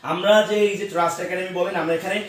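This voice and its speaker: A high-pitched man leads an English lesson and keeps quizzing his class with repeated questions. He sounds far from the mic, and the classroom echoes heavily around him. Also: fairly even intonation, rapid-fire. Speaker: English teacher.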